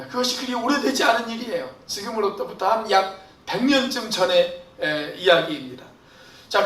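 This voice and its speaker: High-voiced pastor in an echoing church. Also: male voice, fairly bright tone. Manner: asks the congregation questions and answers them himself; acts out imagined prayers and quotes in a raised voice. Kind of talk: Sunday sermon. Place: church sanctuary. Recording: echoey church hall, voice from far off.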